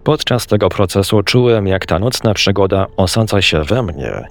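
A man's voice: fairly low pitch, expressive, moderate pace. A man narrating a first-person story in an earnest, reflective manner.

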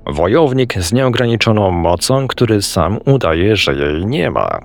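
A man reading the lines of a calm, wise old male sorcerer teacher, measured and gently amused. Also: on the low side, faint music behind.

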